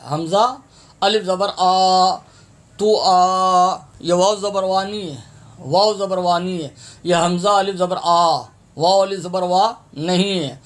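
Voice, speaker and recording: A man teaching a Quran tajweed lesson, reciting verses slowly and melodically, then explaining the pronunciation rules quickly in Urdu. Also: high-pitched. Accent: Pakistani Urdu.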